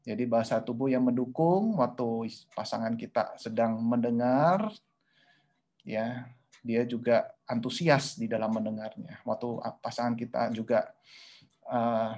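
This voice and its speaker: A man's voice: mid-range voice, darkish tone. A male pastor speaking to married couples in an online webinar, talking in a conversational sermon style with frequent "ya" and "gitu ya" tags. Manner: conversational and repetitive, often adding "ya" and "gitu ya"; acts out quoted lines in a raised voice.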